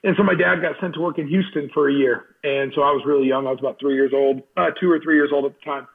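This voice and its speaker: A man born in Iran, a team chaplain, telling his life story in a relaxed, easygoing way as a podcast guest. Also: a little high, quick pace, creaky, husky. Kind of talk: casual interview storytelling. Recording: tinny phone-like line.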